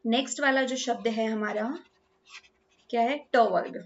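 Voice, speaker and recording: Woman grammar teacher, fairly high voice, slightly dull lo-fi sound, keeps asking if it's clear. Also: steady tone, moderate pace. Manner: checks understanding with repeated "clear?" and "ठीक है"; mixes English words into Hindi explanation. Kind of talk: classroom explanation.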